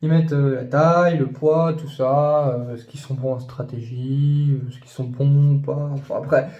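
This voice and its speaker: A man chatting casually about his new purchases, rambling with many fillers and restarts, and gushing when excited. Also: mid-range voice, moderate pace, reverberant, highs cut off. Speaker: YouTuber showing his purchases. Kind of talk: casual unboxing chat.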